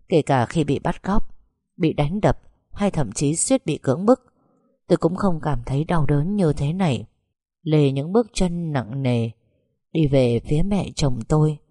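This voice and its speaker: A woman narrating an emotional first-person story for an audiobook, slow and heartfelt, on a close mic. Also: sits low, warm tone, no room sound.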